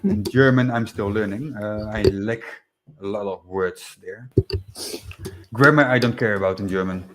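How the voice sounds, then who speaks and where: A Dutch livestream host from the Netherlands, a native Dutch speaker, reads viewer comments in a casual chat full of fillers, restarts and chuckles. He speaks at a normal speed in a lowish voice over a noisy background.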